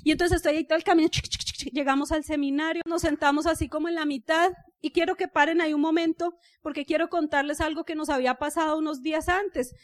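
A Colombian woman with a high, bright-pitched voice speaks to a seminar audience in an animated, storytelling way. She drives her points home by asking the crowd for agreement again and again, like a motivational speaker on stage. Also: fast talker, hardly any pauses.

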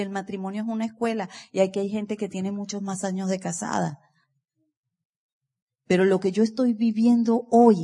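A woman giving an energetic motivational speech to a live seminar audience, asking listeners direct questions. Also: mid-range voice, long reverb tail. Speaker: motivational speaker at a business seminar.

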